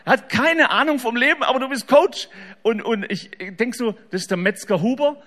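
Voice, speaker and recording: A man giving a humorous faith talk to an audience, telling stories in an animated way that swings between loud and soft, in a reverberant hall. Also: extremely high pitch, moderate pace.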